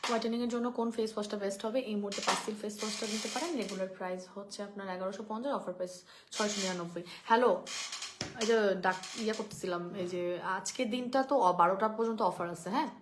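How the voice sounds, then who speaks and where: A woman's voice: medium pitch, rapid-fire, noisy background. A young woman hosting a live shopping stream on her phone, chatting through skincare prices and answering viewers. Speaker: online skincare seller.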